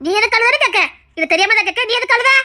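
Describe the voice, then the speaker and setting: A woman's voice: extremely high pitch, animated, racing, pushed and bright, heavily acted. A woman voicing a self-pitying, tearful mother-in-law in a comic fan dub, with a Tirunelveli Tamil accent and a whining delivery.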